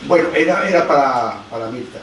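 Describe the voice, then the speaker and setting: A man in the audience, speaking haltingly from the floor. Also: medium pitch, animated, crowd noise. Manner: halting, restarting. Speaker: audience member. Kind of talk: question from the floor. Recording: distant audience mic in echoey hall.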